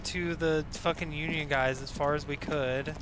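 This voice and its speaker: A man's voice: fairly high pitch, steady tone, moderate pace, background noise. A man chatting casually while playing a game with friends, exasperated and swearing often.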